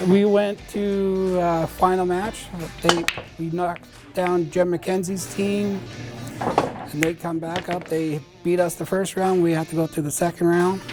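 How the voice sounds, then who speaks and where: In a casual interview with music playing underneath, a pool player from the Brandon area of Manitoba gives short, plain answers with hesitations. His voice is high, flat in delivery, and a little slow.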